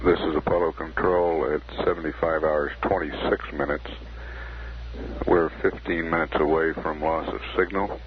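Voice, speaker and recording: A man's voice: a bass voice, steady tone, moderate pace. A man giving formal, matter-of-fact status commentary as a mission control announcer. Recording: dull, noisy archival radio feed.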